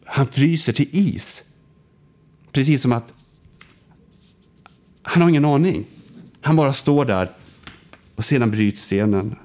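A man's voice: pauses often, darkish tone. A man in casual conversation, telling a film story with restarts and fillers. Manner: storytelling, acts out quoted lines with big pitch swings; hesitant, frequent restarts and fillers.

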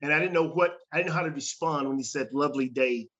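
A male host with a slightly higher voice talks in a friendly, stammering way and laughs easily. The sound is a bit dull and lo-fi. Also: fairly even intonation, fast, fairly bright tone. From Canada. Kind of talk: casual conversation.

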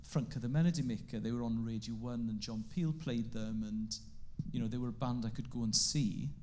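A Welsh comedian in his forties, whose first language is Welsh, is a guest telling stories in casual chat. His medium-pitched voice has a dark tone, he talks a little fast, and he laughs often.

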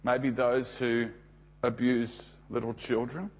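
An Australian man preaching a sermon, telling the story dramatically with emphatic pauses and rhetorical questions. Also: medium pitch, little pitch movement.

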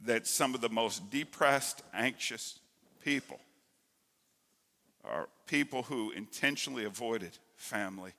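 A man preaching a sermon as pastor, emphatic and rising to loud stresses, heard in an echoey church hall. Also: mid-range voice, a little slow, vocal fry. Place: church sanctuary.

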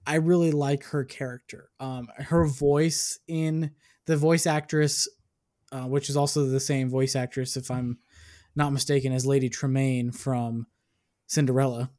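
A man co-hosting a film podcast who speaks slowly and deliberately, with a middle-pitched voice. His remarks are dry and measured, and he takes his time as he weighs a film's strengths. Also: level tone, mellow. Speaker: podcast co-host. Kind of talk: casual film review chat.

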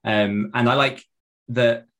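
A man hosting a casual podcast interview, with hiss on his microphone from a loud computer. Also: mid-range voice, fairly even intonation, slow.

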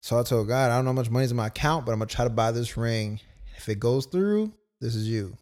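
A young man with a medium-pitched, slightly mellow voice talks at a quick pace, casually telling a personal story as a podcast co-host. His laid-back style leans heavily on "like" and quoted asides.

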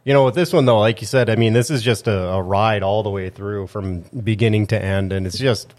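A man's voice: fairly low pitch, fairly even intonation, fairly quick, darkish tone. A man co-hosting a casual movie chat in a studio, rambling with lots of fillers. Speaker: podcast co-host.

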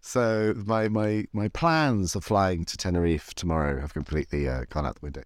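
A man's voice: low-pitched, moderate pace, no room sound, clean studio sound. A British man hosting a show with the theatrical, flamboyant manner of a campy drag queen, chatting comedically. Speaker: podcast host, cult movie show. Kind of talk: casual comedic chat.

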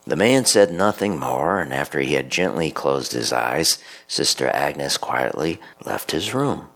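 A man, a pastor, reading scripture and a story in a measured, solemn homily. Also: extremely low pitch, expressive, vocal fry, a bit bright.

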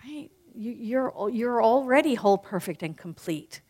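A woman speaking to a group as a spiritual speaker, leading a guided reflection. She moves between emphatic phrases and soft, hushed ones. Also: on the high side, lively intonation, unhurried. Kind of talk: guided reflection in a live talk.

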